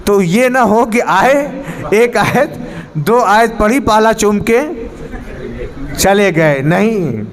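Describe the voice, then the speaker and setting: A man's voice: high voice, lively intonation. A man teaching a Quran pronunciation class, earnestly correcting his students and demonstrating the Arabic sounds. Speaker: religious teacher. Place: mosque hall.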